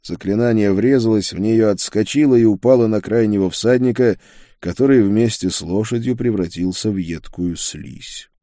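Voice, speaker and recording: A man narrating a fantasy audiobook in an even, measured way. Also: fairly low pitch, no room sound, studio quality.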